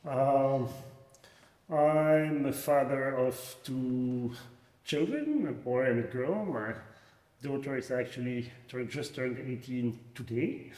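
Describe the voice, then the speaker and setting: Belgian male founder, 40s, halting and filler-heavy, booming conference hall. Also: darkish tone. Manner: hesitant, many fillers and restarts. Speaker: fintech founder, guest. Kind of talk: conference interview. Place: conference venue, echoey hall.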